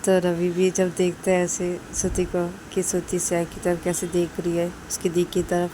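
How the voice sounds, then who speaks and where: A woman's voice: fairly low pitch, monotone, moderate pace, background noise. Woman telling a casual audio story. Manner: plain, repetitive connecting phrases.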